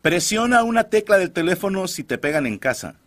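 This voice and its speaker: A Mexican man hosting a comedy podcast, telling stories loudly with crude slang and jokes. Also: high voice, fairly quick, background noise. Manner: crude, animated, joking slang. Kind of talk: loud comic storytelling.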